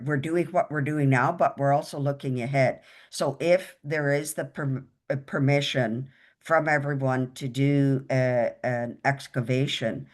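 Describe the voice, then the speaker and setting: A woman speaking earnestly as a panelist on a webinar video call, laying out plans step by step. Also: extremely low pitch.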